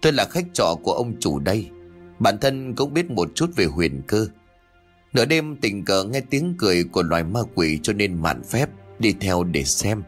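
A man voicing a calm, grave older exorcist who explains in a measured way. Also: lowish voice, soft background music, pitched above the performer's own voice. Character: calm older male exorcist, stern and knowing.

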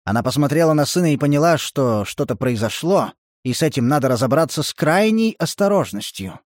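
A male audiobook narrator reading literary prose in a measured, even way. His voice sits slightly higher than most men's. The recording is dry and close, with no room sound. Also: no echo.

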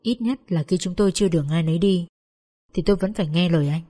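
A young woman, telling a first-person story in a calm, steady voice. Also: on the low side, quick pace. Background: faint music.

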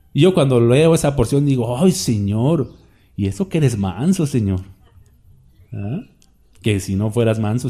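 A man's voice: mid-range voice, warm tone. A man preaching a sermon in a conversational way, often asking the listeners questions and acting out quoted voices. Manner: acts out quoted voices for examples.

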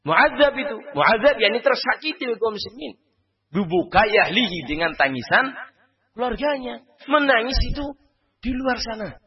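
A man preaching a study sermon, asking the audience rhetorical questions and swinging between loud and hushed delivery. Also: extremely high pitch, very animated, normal speed, husky, muffled recording.

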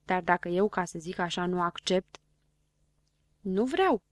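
A woman's voice: lowish voice, animated, no room sound, studio quality, close to an everyday voice. A woman voicing Istețilă, a smug, chatty little man writer who talks with self-satisfied irony, in an audiobook reading. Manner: ironic, self-satisfied, snickering.

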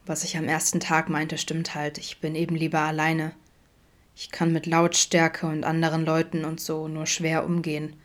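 A woman voicing a guarded, introverted middle-aged father who mumbles in a low, quiet way, in an audiobook. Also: monotone, normal speed, close to an everyday voice. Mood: resigned.

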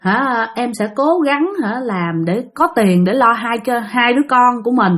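A woman's voice: fairly high pitch, animated, a little slow. A woman voicing a devoted young wife in grief, speaking earnestly and pleadingly. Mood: tearful.

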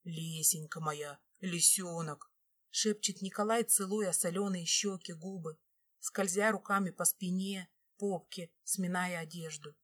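A woman narrating a love story aloud in a steady, expressive manner. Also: mid-range voice, unhurried, husky. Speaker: audiobook narrator. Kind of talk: scripted narration.

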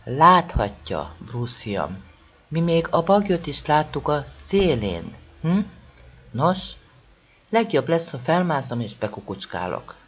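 A blustering bald schoolteacher who gives orders and yells when things go wrong, put on by an audiobook reader. The voice is husky and jumps around in pitch. It comes through a dull, lo-fi recording. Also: big pitch swings. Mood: sarcastic. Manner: commanding, bursts into loud shouts. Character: gruff bald male schoolteacher, bossy and blustering.

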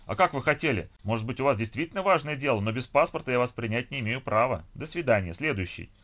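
A man voicing a weary, stern female clerk of about fifty with a husky low voice. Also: animated, quick pace, a bit bright, natural voice. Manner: stern, bureaucratic.

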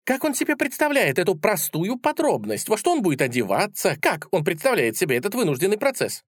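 A man playing a tiny storybook creature who stays cool and sardonic. The voice rides high and wanders in pitch. He sounds close and dry. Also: sing-song, brisk, no echo. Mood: mocking. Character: calm, sardonic little male creature.

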